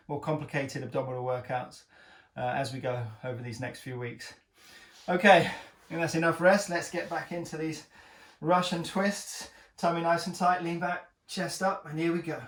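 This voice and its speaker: Out of breath, a male personal trainer talks viewers through a home workout, cheering them on and cracking wry jokes while breathing hard between exercises. His slightly high voice reaches the mic from a distance in an echoey room, with fairly even intonation at normal speed.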